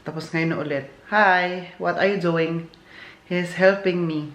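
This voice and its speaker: A woman from the Philippines hosting a casual family vlog, chatty and quick to laugh, filming on a handheld phone. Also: fairly low pitch, fairly even intonation. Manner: chatty, laughs often, switches languages. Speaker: vlog host. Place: home kitchen and outdoor walk. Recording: roomy sound with loud cooking noise. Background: frying and sizzling.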